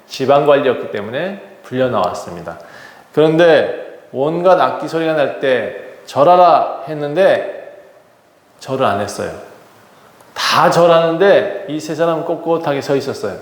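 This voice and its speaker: A male pastor preaching a sermon, retelling a scripture story with acted dialogue and lively emphasis. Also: mid-range voice. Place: church sanctuary. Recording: echoey hall reverb.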